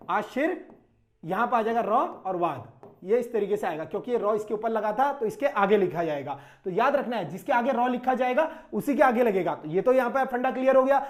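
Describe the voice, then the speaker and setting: A man runs an exam coaching lesson on grammar in a relaxed, talky way. He keeps asking his students questions and answers them himself, and he stretches syllables slowly as he splits up words. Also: very high voice. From Uttarakhand, India. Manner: conversational, repeats questions, says "bhai", stretches out syllables. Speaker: teacher.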